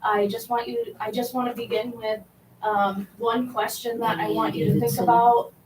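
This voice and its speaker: A woman teacher giving an impassioned public comment at a board meeting, halting and restarting as she speaks. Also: on the high side, flat delivery, recorded from a distance, background noise. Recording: roomy hall, speaker away from mic.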